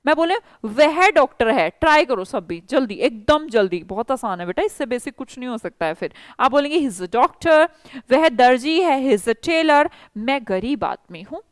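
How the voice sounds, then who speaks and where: High-pitched lady teacher running an english class, dry close sound, keeps pushing students to go fast. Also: animated, smooth, no room sound. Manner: coaxing, urges learners to answer fast.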